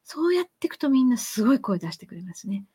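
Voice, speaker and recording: Animated woman teaching reading aloud. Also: fairly high pitch, fast, slightly rough. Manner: lively and animated, with sudden loud chanted demonstrations. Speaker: reading teacher hosting a live stream. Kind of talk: live-stream lesson on reading aloud.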